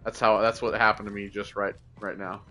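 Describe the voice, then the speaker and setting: A tired man chatting casually and somewhat monotone while playing a video game late at night, with lots of fillers and swearing. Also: on the low side, brisk, soft background music. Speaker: let's play gamer. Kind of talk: casual gameplay commentary.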